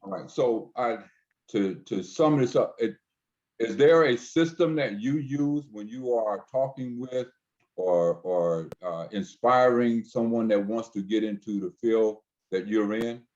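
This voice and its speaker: A man's voice: mid-range voice, a little slow, darkish tone, highs cut off. A man on a talk-show panel asking a question over a video call, stammering and restarting often.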